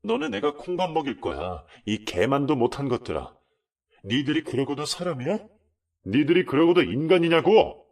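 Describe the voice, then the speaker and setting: A man voicing an enraged adult son who shouts and curses, his voice set back from the mic. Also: fairly high pitch, huge pitch swings, a little slow, voice pushed up, exaggerated voice. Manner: furious, shouting insults.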